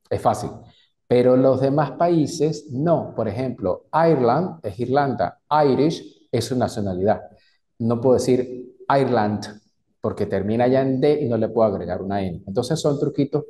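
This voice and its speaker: A man's voice: mid-range voice, mellow. Patient man teaching English. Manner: patient, explains slowly, reads English dialogue aloud. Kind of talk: online class lecture.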